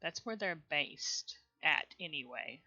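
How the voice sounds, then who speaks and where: Over a dull, lo-fi stream recording, a woman with a Southern accent drawls slowly through her gameplay, rambling, muttering to herself, and laughing often. Her low-sitting voice carries a bright, forward edge and lively intonation.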